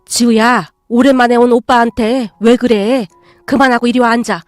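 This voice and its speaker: A woman voicing a gentle, patient stepmother who speaks softly and calmly. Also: a little high, moderate pace, no echo, faint music behind, natural voice. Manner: soft, calm, coaxing.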